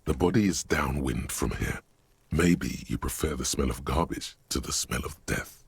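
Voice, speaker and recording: A man's voice: rumbling low, normal speed, vocal fry, breathy edge, no room sound, heavily acted. A man voicing the dry, wry inner narrator of a detective video game. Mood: measured.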